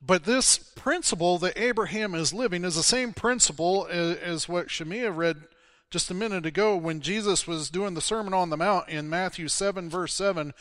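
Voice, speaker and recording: Man from Missouri, pastor, storytelling sermon; bright, slightly high voice, dry close sound. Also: moderate pace, dry recording. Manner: storytelling, acting out biblical dialogue.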